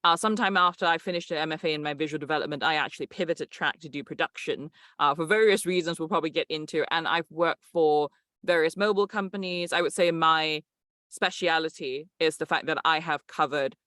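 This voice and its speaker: A man's voice: a little high, a little fast, bright, forceful tone, clear, resonant tone, no room sound, clean studio sound. A man, a game producer answering interview questions in an articulate, explanatory way. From Malaysia.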